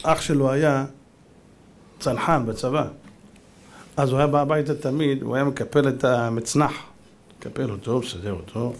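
A man's voice: medium pitch, pauses often, slight background noise. A man, a rabbi giving a Torah lecture. He tells stories theatrically and fires off mocking rhetorical questions.

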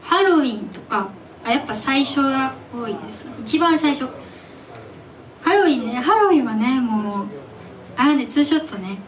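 A young woman in her twenties, a singer chatting with her audience at her own live show, animated and giggly as she tells stories. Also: high-pitched, moderate pace. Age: 20s. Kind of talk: casual stage MC chat with the audience. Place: live music venue stage. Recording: distant mic in a live club, faint background noise.

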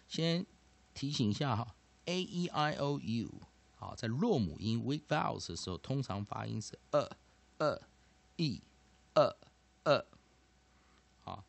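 A man teaching a vocabulary and pronunciation lesson, explaining slowly and deliberately. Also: medium pitch, vocal fry.

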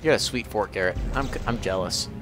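A man's voice: on the low side, quick pace, over music. A man hosting a gaming channel, joking playfully through casual let's-play commentary.

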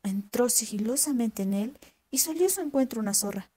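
A woman narrating a children's folk tale with clear, measured storytelling. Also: on the high side, animated, mellow.

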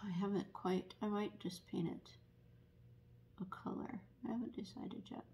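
A woman teaching barn quilt painting at a table in a casual, unhurried tutorial full of ums. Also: medium pitch, fairly even intonation, creaky, dark tone, lo-fi sound, slight background noise. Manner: unhurried, many ums, explanatory. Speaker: painting instructor and paint retailer.

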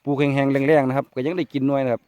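A man with an Isan accent giving a casual tour of his farm outdoors, chatting warmly to viewers as brothers and sisters. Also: mid-range voice, flat delivery, very fast, clear, resonant tone. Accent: Isan (Northeast Thai). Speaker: farmer vlogger.

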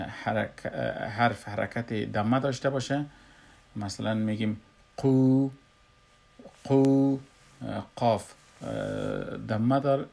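A man with an Afghan Dari accent teaches Quran recitation in a recorded lesson, explaining slowly and pausing often with "uh". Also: fairly low pitch, vocal fry, a little mellow. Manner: slow, explanatory, with frequent "uh" pauses.

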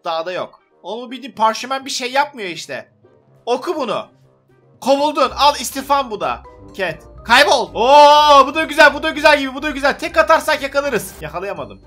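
A young-sounding man with a high, bright voice rattles off lively gameplay commentary, full of excitable teasing and trash talk. He speaks from a desk setup indoors, with faint music running underneath. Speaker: gaming YouTuber. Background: faint background music.

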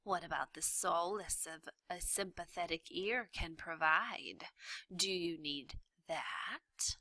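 A woman reading aloud, voicing a sly, scheming male rat who speaks in a hushed, silky, drawn-out way. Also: lowish voice, no echo, full character voice. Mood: coaxing.

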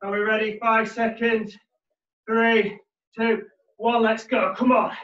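A man's voice: high-pitched, little pitch movement, slow. A man in his thirties, a personal trainer leading a workout while exercising, energetically pushing people on in short gym-bro commands. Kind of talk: live workout instruction. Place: living room, indoors. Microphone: far camera mic across the room. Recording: roomy, muffled, distant home camera audio.

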